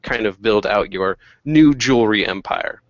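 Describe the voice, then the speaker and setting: A young man narrates a tabletop game as game master, casual and unhurried with plenty of fillers. The sound is muffled and close, with no room echo. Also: fairly low pitch. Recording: dull dry lo-fi recording.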